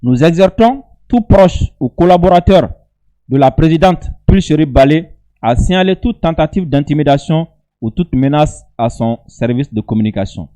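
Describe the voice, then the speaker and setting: This online video commentator, a Bambara-speaking man with a West African accent, reads out statements and reacts casually, driving points home by repeating phrases. He speaks on the high side, expressively, at a moderate pace, with a warm tone.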